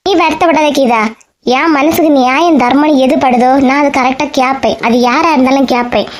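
A woman's voice: sits high, steady tone, a little fast, natural voice. A woman voicing Vasanthi, a self-righteous, gossipy village woman in a cartoon, with a Kanyakumari Tamil accent and a preachy, complaining manner.

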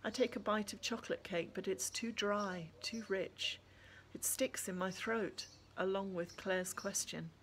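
A woman's voice: medium pitch, measured pace, a bit bright, a little hiss or hum. A woman author reading her own story aloud, then chatting to listeners in a friendly way with fillers. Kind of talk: audiobook reading and casual sign-off.

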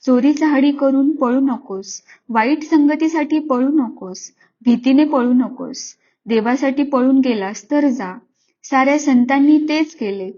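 A tender mother speaks in soft, reassuring tones, gently guiding her son, voiced by a woman reading the story. Her voice sits high. The recording sounds a little dull and lo-fi. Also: measured pace. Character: tender, loving middle-aged mother comforting her son.

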